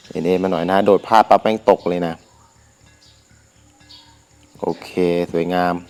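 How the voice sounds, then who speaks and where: Unhurried and low-voiced, a young gaming channel host plays and talks to himself a lot. His commentary is casual, crude, and excitable, but his sore throat means he can't shout.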